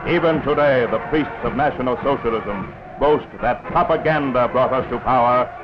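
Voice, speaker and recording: A loud crowd sits behind this mid-range male voice as he narrates a wartime newsreel from the 1940s at moderate speed. The style is solemn and scripted, and the dull lo-fi soundtrack carries music.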